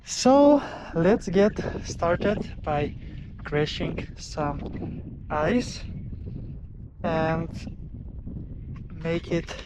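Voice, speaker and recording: A man talks casually to camera outdoors in a fairly high voice. He goes very slowly, breaking sentences into short halting pieces. There is faint ambient noise behind him. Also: expressive. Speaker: vlogger. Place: outdoors at a frozen lake.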